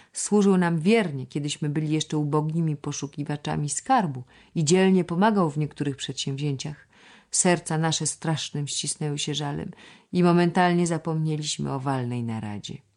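Low-voiced woman narrating a storybook. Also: a little mellow. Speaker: audiobook narrator. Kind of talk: scripted narration of a children's novel.

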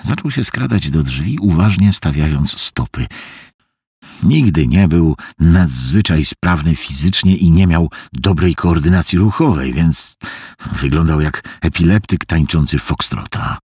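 A man narrating a suspense story in a very low, husky voice, swooping dramatically up and down as he plays out the scenes. The sound is close and dry, with no room around it. He reads with tense, theatrical energy. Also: expressive, unhurried, a little mellow, no room sound. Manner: acts out tense dialogue with shifting pitch. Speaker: audiobook narrator. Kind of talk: dramatic audiobook reading.

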